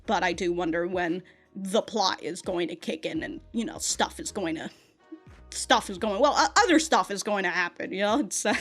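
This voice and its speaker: A YouTube anime and manga reviewer chats casually and without a script, rambling and circling back over her own phrases, with some casual swearing. Her voice is lowish and her pace moderate, with faint music behind her.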